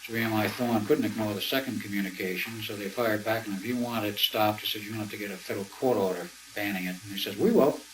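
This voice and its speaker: An older man telling a long personal story as an interview guest, acting out quoted dialogue and clearing his throat now and then. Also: on the low side, steady tone, fast talker, hardly any pauses, noisy background. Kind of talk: conversational storytelling.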